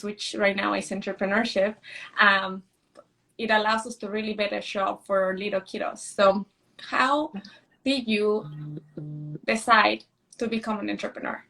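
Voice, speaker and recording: Woman host, live stream, upbeat, drawn-out phrasing, video call. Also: medium pitch, fairly bright tone, poor audio. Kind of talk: casual live-stream interview.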